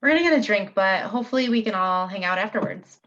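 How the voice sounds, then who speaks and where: A woman's voice: mid-range voice, animated, fast, fairly bright tone, lightly acted. An actress reading a breezy, teasing young woman in a live online script reading. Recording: lo-fi video call audio.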